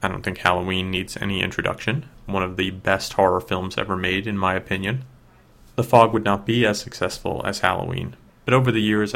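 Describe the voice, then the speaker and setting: A man's voice: deep voice, gravelly, fairly bright tone. A man hosting a film review, reading scripted narration about film history.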